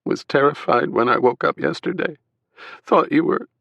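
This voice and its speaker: A man's voice: mid-range voice, animated, normal speed, fairly bright tone, slightly rough, dry recording, voice pushed up. A man voicing a frightened young wife who is crying, her voice cracked and aching, in an audiobook. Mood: tearful relief.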